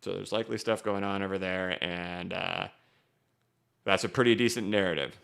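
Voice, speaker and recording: A man's voice: deep voice, fairly even intonation, moderate pace, gravelly, fairly bright tone, clean tone. A man hosting a casual live market stream, rambling with many fillers and "right?" tags. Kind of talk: casual livestream commentary.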